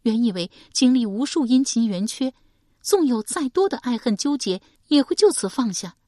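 A woman's voice: fairly high pitch, lively intonation, normal speed, mellow, no echo, studio quality, voice pushed up. A woman voicing a grieving, vengeful young noblewoman in an audiobook, tearful and anguished.

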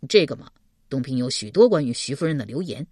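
A woman voicing a calm, reserved male official speaking in measured tones. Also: a bass voice, husky, no echo, studio quality, pitched below the performer's own voice, exaggerated voice.

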